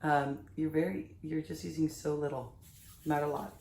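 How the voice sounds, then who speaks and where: A woman's voice: deep voice, fairly even intonation, moderate pace, vocal fry, a little mellow. A woman hairdresser with a slight lisp, chatting to viewers through a hair care tutorial at her salon's shampoo bowl. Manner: chatty, addresses viewers as you guys. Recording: roomy echo, faint background noise.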